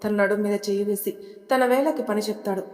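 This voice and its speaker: A woman storyteller narrating an audio story in a steady, plain manner. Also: mid-range voice, a little fast. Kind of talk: scripted narration. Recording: long reverb hall sound.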